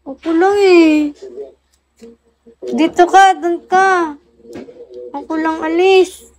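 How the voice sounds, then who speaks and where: A woman livestreaming casually, cooing and teasing a sleepy pet in a soft, playful way. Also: very high voice, steady tone, slow pace, low-quality recording.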